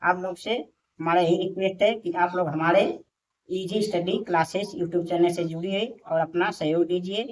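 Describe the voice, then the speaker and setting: A woman's voice: lowish voice, fairly even intonation, normal speed, darkish tone. A woman teaching a lesson step by step, patient and repeating each point. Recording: dull lo-fi recording.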